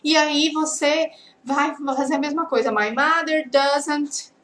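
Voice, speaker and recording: A Brazilian Portuguese woman teaching English, drilling example phrases slowly and often checking that her students are following. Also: high voice, steady tone, fairly bright tone. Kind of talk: online language lesson. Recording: echoey room.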